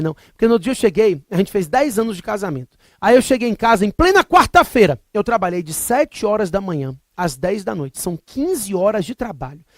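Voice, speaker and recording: A man's voice: high-pitched, a little mellow, no room sound, clean studio sound. A Brazilian man in his thirties giving a recorded law lecture, repeating key points emphatically and slipping into comic stories. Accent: Brazilian Portuguese. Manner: emphatic, repetitive, jokey digressions. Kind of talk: recorded exam-prep lecture with comic anecdotes.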